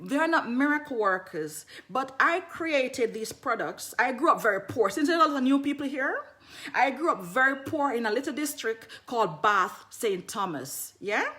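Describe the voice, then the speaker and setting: A woman's voice: sits high, moderate pace. A Jamaican woman selling her herbal skincare products in a casual livestream, greeting viewers as she talks and repeating herself. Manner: greets viewers mid-sentence, repeats phrases, animated.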